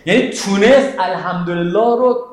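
A man with a fairly high voice teaches a Quranic exegesis class. He explains step by step, quotes Arabic verses and puts questions to his students. The classroom is very echoey. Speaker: religious teacher.

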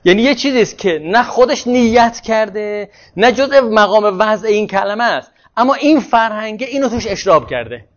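A man with a fairly high voice explains a point at length in a seminar, answering questions as they come. The recording sounds muffled and lo-fi. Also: animated, hardly any pauses. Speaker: teacher. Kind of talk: seminar lecture.

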